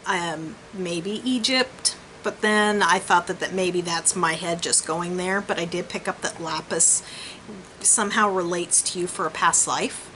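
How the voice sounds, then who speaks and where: A woman's voice: lowish voice, measured pace, sharp tone, low-quality recording. A woman giving a casual, conversational spiritual healing reading, thinking aloud and trailing off into asides. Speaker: crystal and chakra healer giving a personal reading. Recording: clear background noise.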